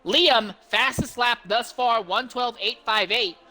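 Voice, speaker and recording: A man's voice: extremely high pitch, takes it slowly, pushed and bright. A man giving detailed live play-by-play as a motorsport commentator.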